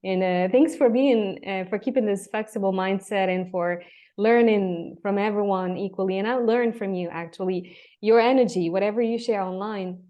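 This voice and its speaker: Halting Tunisian-accented woman podcast host. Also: mid-range voice, warm tone, dull audio. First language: Arabic. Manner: halting, repeats words while searching for phrasing. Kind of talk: interview conversation.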